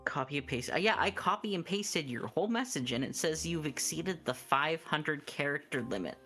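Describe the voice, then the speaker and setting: A man's voice: fairly high pitch, expressive, normal speed, sharp tone, faint music behind. A man streaming a game and chatting casually, telling stories with lots of fillers and restarts. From Canada.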